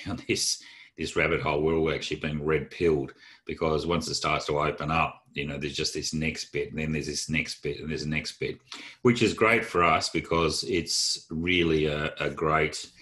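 Very deep-voiced man, flat delivery. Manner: open, chatty, many fillers and restarts. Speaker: presenter of a training session for advisers. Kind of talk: casual, rambling talk to colleagues.

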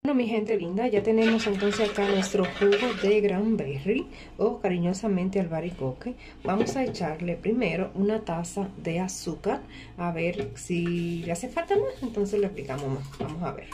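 A home cooking vlogger walks through a recipe step by step in a small indoor kitchen at a workplace, casually repeating herself and checking in with the listener. Her medium-pitched voice has lively intonation at a normal speed, and kitchen noise is clearly audible behind her.

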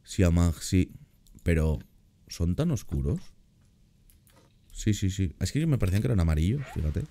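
A man giving casual, excitable commentary while playing a zoo game, often repeating words in quick bursts. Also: low-pitched. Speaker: gaming YouTuber reacting to a zoo build.

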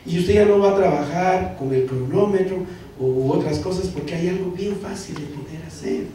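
A man with a Guatemalan accent giving an animated workshop lecture to teachers, calling them colleagues. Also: sits high, normal speed. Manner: animated, addresses the audience as colleagues. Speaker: teacher trainer. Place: large hall. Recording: echoey hall from far off, noisy.

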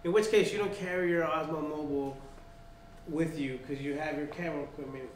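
A man's voice: on the high side, fairly even intonation, a little fast. Blunt, joking man, echoey room. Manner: blunt, profane banter. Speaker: podcast co-host. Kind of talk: casual tech chat. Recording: roomy room with faint noise.

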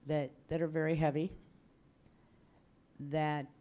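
A woman in her sixties at a school board meeting, giving measured, formal remarks into a table microphone. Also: low voice. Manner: measured, steady, firm.

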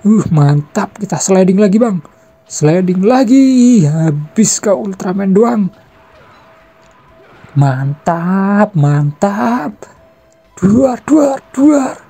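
A young adult giving excited gameplay commentary, trash-talking and shouting fight noises. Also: mid-range voice, drawn-out words, slightly rough, faint music behind.

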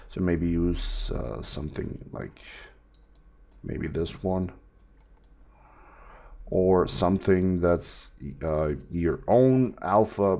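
Guy with a really low voice walking thru a 3d texturing tutorial, lots of uhs, laid back. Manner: relaxed, with many fillers and restarts. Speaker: 3D art tutor. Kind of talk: screen-recorded software tutorial.

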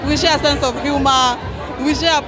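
A woman's voice: high voice, steady tone, normal speed. A young woman with a Kenyan accent chatting casually as a guest in a red-carpet interview. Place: large indoor event hall. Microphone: shared handheld interview microphone. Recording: loud music and crowd in event hall.

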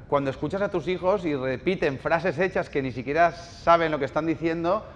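His voice is on the high side and fairly quick, echoing with big-room sound over a little hiss or hum. He's giving a live lecture at a bookshop event space, telling ironic stories and questioning the audience.

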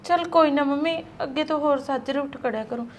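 Woman acting as a gentle sad young wife, high voice, soft pleading, faint hiss behind. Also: fairly quick, close to an everyday voice. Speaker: actor. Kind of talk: Punjabi short film acting.

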